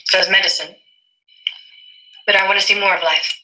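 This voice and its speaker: An actress playing an earnest young district nurse in a television drama, slightly defensive. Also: female voice, medium pitch, steady tone, fairly quick, pushed and bright. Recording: roomy sound.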